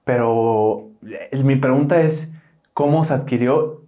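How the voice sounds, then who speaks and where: A man's voice: mid-range voice, slow, mellow. Slangy Mexican young man chatting. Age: young adult. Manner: slangy, swears casually, says "güey" often. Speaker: podcast co-host. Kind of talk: casual podcast chat.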